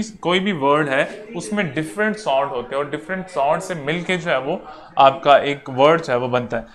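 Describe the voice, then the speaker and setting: A man with a Pakistani accent teaching an online exam-prep English lecture, explaining slowly, repeating points and checking that students follow. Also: fairly high pitch, a bit bright.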